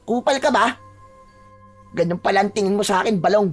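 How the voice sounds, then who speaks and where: A man's voice: high voice, fairly quick, faint music behind, pitched above the performer's own voice. A man voicing a young chieftain's son who speaks in a reproachful, wounded way, in a storybook tale. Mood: resentful.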